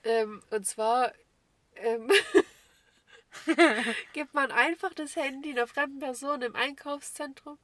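Woman telling an animated anecdote. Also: high voice, takes it slowly, pauses often, no echo. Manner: animated storyteller, acts out her own thoughts. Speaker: podcast co-host. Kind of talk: casual chat.

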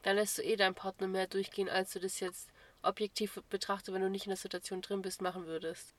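A woman's voice: medium pitch, little pitch movement, fast talker, dry recording. A woman co-hosting a podcast, talking things through thoughtfully in casual chat. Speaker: podcast co-host.

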